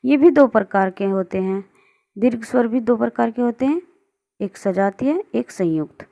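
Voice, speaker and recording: A woman's voice: on the high side, expressive, moderate pace, vocal fry, mellow, muffled recording. A woman teaching a grammar lesson online, explaining on screen and patiently asking and answering her own questions.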